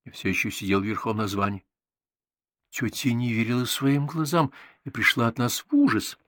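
A man narrating an audiobook in calm, even storytelling. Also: medium pitch, moderate pace, dry recording, clean studio sound. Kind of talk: scripted narration.

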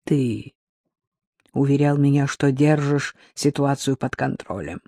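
A man reading the part of a cold, scheming female crime boss who speaks in a measured, menacing way. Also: medium pitch, creaky, dark tone, dry recording, studio quality.

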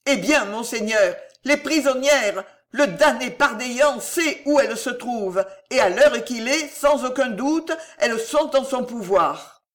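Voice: mid-range voice, very animated, normal speed, fairly bright tone. A reader voicing an old fawning steward. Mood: anxious pleading. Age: older. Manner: pleading, effusive, raised voice. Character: scheming old male steward, servile and fervent.

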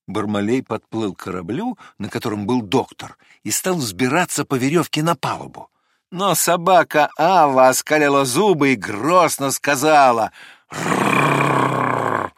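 A man narrating a fairy tale audiobook in an expressive, measured storytelling manner. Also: medium pitch, no room sound, studio quality.

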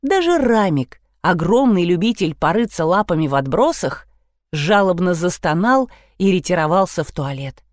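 Woman, audiobook narrator, wry and animated, lively range, dry studio sound. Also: on the low side, normal speed, no echo. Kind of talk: expressive narration of an ironic novel.

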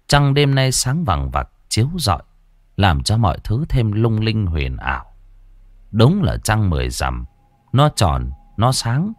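A man narrating a ghost story with an expressive, varied delivery. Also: lowish voice, dry recording, studio quality.

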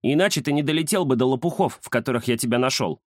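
A man voicing a chatty, boastful male house cat who talks fast and fussily in an audiobook. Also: mid-range voice, no echo, studio quality, natural voice. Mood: teasing. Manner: excitable, fussy, know-it-all. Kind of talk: audiobook character voice.

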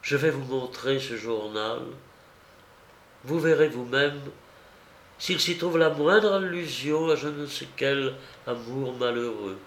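A man's voice: mid-range voice, slow pace, fairly bright tone, slight background noise. A man reading an audiobook voices a grieving woman, the sister of a dead actress, who talks in an urgent, pleading way. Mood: earnest. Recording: roomy echo.

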